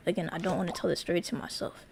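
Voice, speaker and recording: A woman's voice: fairly low pitch, fairly even intonation, rapid-fire, gravelly, darkish tone, slight background noise. A young woman streaming live, telling a story to her chat in a rambling, casual way with lots of fillers and restarts. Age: young adult.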